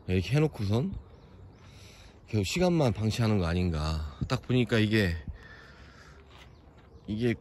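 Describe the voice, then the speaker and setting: Young male vlogger, deep voice, loose opinionated commentary, outdoor camera mic. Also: a little hiss or hum. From Chungcheong region, South Korea. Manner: rambling, opinionated, many fillers. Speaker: vlogger touring a historic fortress. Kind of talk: casual walking commentary. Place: outdoors at a hilltop fortress.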